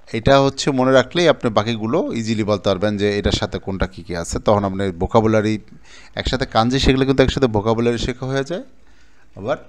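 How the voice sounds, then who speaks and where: A male language teacher from Bangladesh explaining kanji in a casual classroom style, repeating terms and pointing things out as he goes. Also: lowish voice. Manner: repetitive explaining, points at the board, mixes in English terms. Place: training center classroom.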